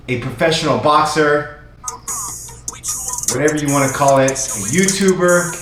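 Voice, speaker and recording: A YouTube commentator hosts his own channel, explaining fight clips in a casual, repetitive recap. His mid-range voice is a bit bright, with slight background noise in a very echoey room.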